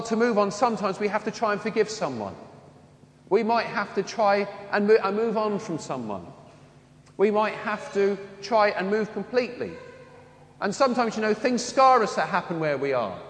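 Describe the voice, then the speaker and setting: Chatty priest in an echoing church. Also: male voice, sits high, animated, moderate pace. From Wembley, London. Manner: chatty, anecdotal, self-mocking humor. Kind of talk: sermon. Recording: echoey church with long reverb.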